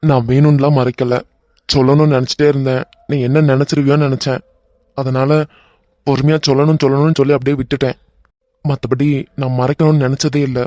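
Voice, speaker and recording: A woman voicing defensive young men in an animated cartoon, with a Kanyakumari Tamil accent and a low, evasive way of talking. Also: brisk, no echo, clean studio sound.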